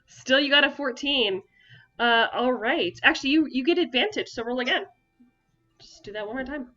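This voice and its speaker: Calm woman game master, muffled mic. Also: sits high, normal speed, faint music behind. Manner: calm, guiding, descriptive narration. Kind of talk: running a tabletop game.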